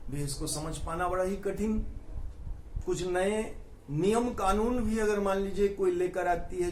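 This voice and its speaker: High-voiced teacher in echoey room. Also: male voice, a little hiss or hum. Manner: explains patiently, repeats key words, mixes English terms into Hindi. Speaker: vocabulary teacher. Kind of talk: Hindi vocabulary lesson with memory tricks.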